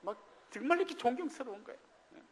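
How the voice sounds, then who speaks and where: Middle-aged male pastor, high-pitched, storytelling sermon, reverberant church hall. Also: expressive, quick pace, slight background noise. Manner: storytelling testimony, acting out quoted dialogue. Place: church sanctuary.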